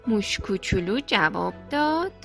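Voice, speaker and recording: A woman storyteller gently reading a children's story aloud. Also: mid-range voice, lively intonation. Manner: gentle, clear, friendly storytelling. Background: soft background music.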